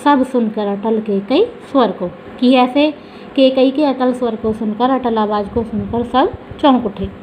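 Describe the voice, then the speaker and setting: A woman teacher explaining a Hindi poem, reading each verse slowly and then paraphrasing it in plain speech. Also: a little high. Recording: dull lo-fi recording with faint background hiss.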